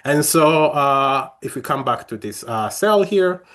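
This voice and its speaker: Lively young man teaching coding. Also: mid-range voice, unhurried. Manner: friendly, talks through steps with frequent fillers and restarts. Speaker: coding workshop instructor. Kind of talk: live coding tutorial.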